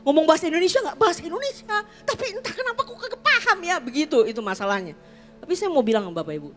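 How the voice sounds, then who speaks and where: A woman pastor preaching a sermon in a chatty storytelling way, slipping into playful slang. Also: mid-range voice. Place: church.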